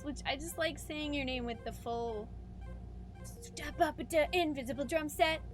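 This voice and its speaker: A woman live streamer chatting playfully and excitably with her viewers over a video game, reacting expressively in a gamer girl manner. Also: high voice, normal speed. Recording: game music behind the voice. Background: game music.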